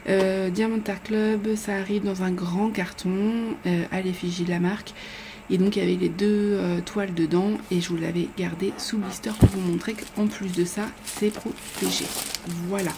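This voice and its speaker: A woman's voice: medium pitch, flat delivery, moderate pace, noisy background. A woman vlogger chatting casually while unboxing, rambling with frequent hesitations.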